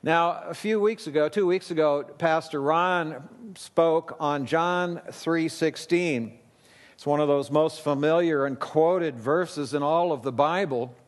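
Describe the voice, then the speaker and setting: A middle-aged man, a pastor in his fifties, speaks at a pulpit microphone in a church. His voice sits a touch high, and his preaching stays relaxed and conversational, with easy side remarks. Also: slow, long reverb tail. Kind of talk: sermon.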